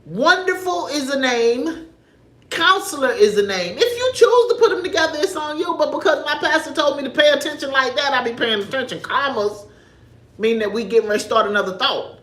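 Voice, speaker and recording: Woman livestreamer, slightly high voice, emphatic storyteller, echoey room. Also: fairly quick. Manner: animated storyteller, emphatic and preachy. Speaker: livestream host. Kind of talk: casual faith talk on a livestream.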